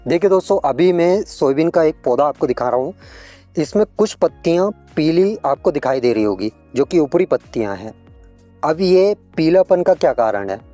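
A man's voice: fairly high pitch, expressive, normal speed, mellow, soft background music. A man hosting a farming advice channel, explaining crop care to farmers in a friendly tutorial way, often addressing them as friends.

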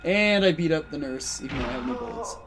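Brief: giggly, playful guy on a game stream, fairly high, very lively voice. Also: fast, creaky, background noise. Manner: giggly, playful, trash-talking. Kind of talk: casual let's play chat.

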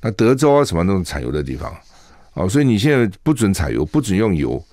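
A male radio talk show host speaks solo from a studio mic, offering chatty, emphatic commentary on current affairs packed with rhetorical questions. His voice is deep and dark in tone, very animated, and he talks fast, with no echo.

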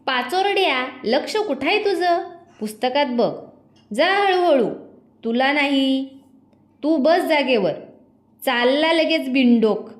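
A woman voicing a stern, loud male schoolteacher with a harsh, ringing voice, who recites poetry slowly in a sing-song way and scolds his pupils sharply. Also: sits high, expressive, roomy sound. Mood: scolding.

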